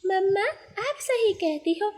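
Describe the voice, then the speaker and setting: A woman's voice: extremely high pitch, lively intonation, slow, mellow, voice pushed up, heavily acted. Woman voicing a sweet young sparrow girl. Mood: gentle.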